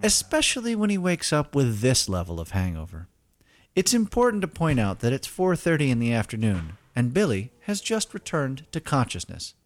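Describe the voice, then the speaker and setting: A man narrating a scripted story as podcast host, in a wry, theatrical, deliberate manner. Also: mid-range voice, huge pitch swings.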